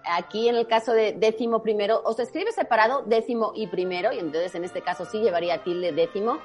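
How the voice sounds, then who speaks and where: A woman's voice: medium pitch, quick pace, faint music behind. A woman from Spain who patiently explains spelling rules step by step in a casual chat. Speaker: spelling quiz guest expert.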